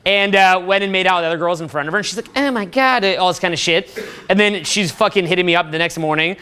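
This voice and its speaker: Man, high-pitched, crude and profane, boastful, laughs at his own stories, dating coach talking to men. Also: fairly even intonation, fast, bright, forceful tone, clean tone. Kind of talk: profane talk to a room of men.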